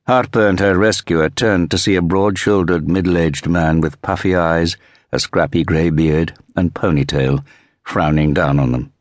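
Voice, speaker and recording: Deep-voiced male audiobook narrator. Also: fairly even intonation, unhurried, dry recording, studio quality. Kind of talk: scripted narration.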